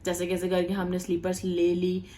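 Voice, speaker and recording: A woman vlogger in casual storytelling to camera, chatty and animated, talking straight to her viewers. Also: lowish voice, moderate pace.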